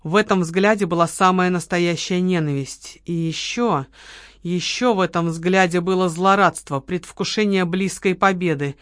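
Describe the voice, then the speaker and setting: A narrator reading a detective novel aloud in a steady, measured way. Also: medium pitch, no echo, clean studio sound. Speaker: audiobook narrator.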